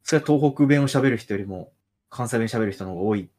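A man's voice: mid-range voice, fast, a little mellow, husky. A man from Nagoya, a guest on a casual podcast, thinking aloud in a musing way with hesitant restarts. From Nagoya, Japan. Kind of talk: casual chat.

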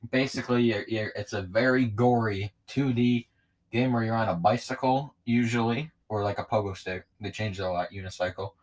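A man with a somewhat low voice co-hosts a laid-back chat show. He rambles from one thought to the next and cracks jokes in gamer slang, keeping things loose. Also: normal speed. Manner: rambling, jokey gamer banter. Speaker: podcast co-host. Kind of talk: casual chat.

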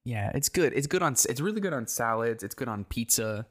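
Woman podcast cohost, real low voice, lively, lots of likes and ums. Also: brisk. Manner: chatty, explains words with many fillers. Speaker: podcast co-host. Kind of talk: casual chat. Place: living in Japan.

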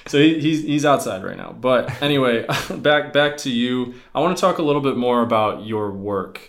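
A man's voice: mid-range voice, lively intonation, moderate pace. A young man hosting a podcast, chatting casually and laughing easily as he asks questions. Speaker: podcast host. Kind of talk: casual interview chat.

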